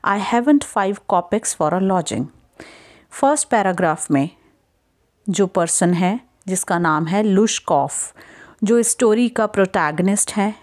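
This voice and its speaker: A woman tutor talking through a school story for exam prep. She switches between Hindi and English, reads the English lines slowly, then explains them at an even pace. She keeps checking that her students are following. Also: medium pitch. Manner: checks in with listeners often ("theek hai"). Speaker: English teacher.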